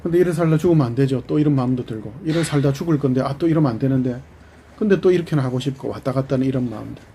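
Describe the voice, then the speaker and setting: A man's voice: mid-range voice, racing, warm tone, a little hiss or hum. A man preaching a sermon as pastor, animatedly voicing both God and the people in turn.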